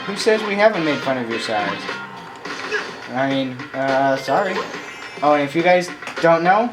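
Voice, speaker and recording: A young man giving casual, excitable, rambling commentary on a game he is playing. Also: fairly high pitch, unhurried, rough recording. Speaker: gameplay commentator. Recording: loud game music behind.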